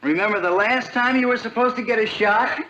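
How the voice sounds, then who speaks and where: An actor playing an earnest, jealous teenage boyfriend in a 1960s TV sitcom. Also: male voice, high-pitched, a little fast, bright, forceful tone, slight background noise. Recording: dull old TV soundtrack.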